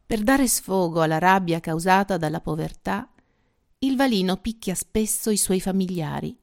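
A woman hosting a literary segment, introducing and summarizing a novel in clear, even scripted narration. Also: fairly low pitch, normal speed. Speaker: host of a book segment. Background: faint music.

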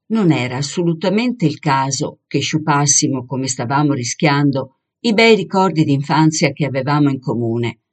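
Calm reader of a literary passage. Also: mid-range voice. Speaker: reader of a novel excerpt. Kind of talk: literary reading aloud.

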